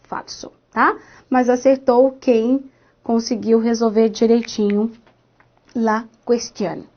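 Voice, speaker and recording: High-voiced woman teaching a language lesson. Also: level tone, slow, muffled recording. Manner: patient, encouraging, checks in with "tá?" and "né?". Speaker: Spanish teacher. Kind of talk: online lesson explaining grammar exercises.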